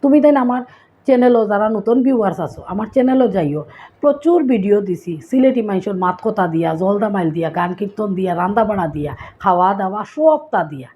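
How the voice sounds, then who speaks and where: Lively Sylheti-accented woman vlogger, lo-fi. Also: mid-range voice, fast talker, slight background noise. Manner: lively storyteller, acts out sayings. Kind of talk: casual explanatory vlog.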